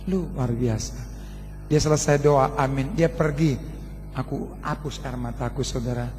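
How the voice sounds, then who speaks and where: A man preaching a storytelling sermon, animated and colloquial, often calling out to the congregation. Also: medium pitch, measured pace, over music. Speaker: pastor. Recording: long reverb of a large hall.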